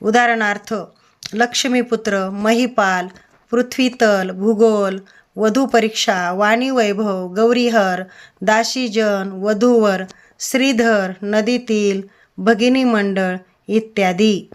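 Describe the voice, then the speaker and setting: A woman with a Marathi accent teaching a lesson, reading out rules and word lists one word at a time in a measured, scripted way. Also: medium pitch, steady tone.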